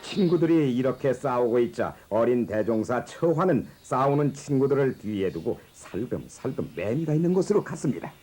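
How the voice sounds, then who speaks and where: A man narrating a children's animated biography in a gentle, measured storytelling manner. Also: mid-range voice, a little hiss or hum. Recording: narration over background music.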